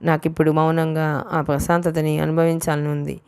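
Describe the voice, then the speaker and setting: A woman reading the lines of an earnest young man in love, in a soft, confiding way, for an audiobook. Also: deep voice, flat delivery, normal speed, clean tone. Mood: tender.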